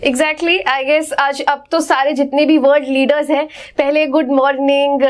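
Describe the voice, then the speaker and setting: A woman's voice: sits high, flat delivery, a little slow. A young woman, a podcast host who asks questions and affirms her guest, switching freely between Hindi and English. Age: young adult. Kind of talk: podcast interview.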